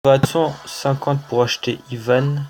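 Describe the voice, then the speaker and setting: A man's voice: mid-range voice, little pitch movement, a little mellow. A man with a French accent commenting casually on a mobile game he is playing, hesitant and full of fillers. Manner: hesitant, many "euh" fillers, slow and unhurried. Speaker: gaming channel host. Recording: music playing under the voice.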